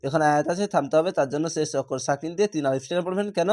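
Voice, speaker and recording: A man with a slightly high voice leads a Quran reading lesson. He names each letter and its vowel mark in a patient, even manner. Then he chants the joined word slowly and stretches it out. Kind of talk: spelling-out recitation lesson.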